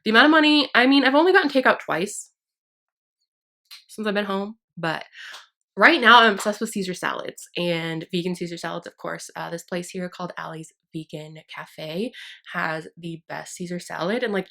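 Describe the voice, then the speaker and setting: Her fairly low, creaky voice has a sharp tone and a moderate pace. A young beauty vlogger, she's at her downstairs vanity at home doing makeup and chatting loosely for a get-ready-with-me video, rambling and self-deprecating as she recovers from a sinus infection.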